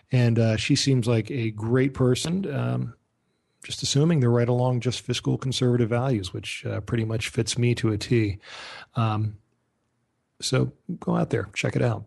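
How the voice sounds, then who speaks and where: A man's voice: mid-range voice, darkish tone. A man hosting a talk radio show from his home studio, chatting casually with lots of fillers and small laughs. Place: home studio, talking over Skype.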